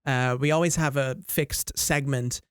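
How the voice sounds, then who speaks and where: A woman's voice: very deep voice, steady tone, a little slow, clean tone, no echo, studio quality. A woman in her twenties co-hosting a podcast, chatting casually, giggling often and reassuring her co-host. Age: 20s. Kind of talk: casual chat.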